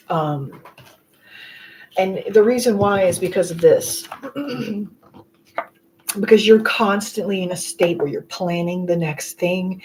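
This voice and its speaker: Woman, tarot reader, mid-pitched, heartfelt and repetitive, light background noise. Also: a little mellow, rough recording. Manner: heartfelt, repetitive, emotional encouragement. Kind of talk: live tarot reading to viewers.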